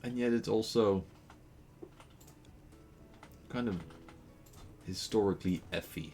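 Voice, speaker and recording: A young Dutchman with a Dutch accent streams a game, chatting playfully, rambling and laughing often. His voice is fairly low and darkish, and he takes his time speaking.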